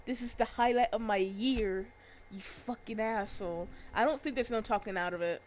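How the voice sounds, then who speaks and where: A woman's voice: fairly high pitch, normal speed, slight background noise. A young woman casually commenting on a game she plays, sarcastic and profane, talking back to the characters. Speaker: gaming streamer. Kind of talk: casual let's-play commentary.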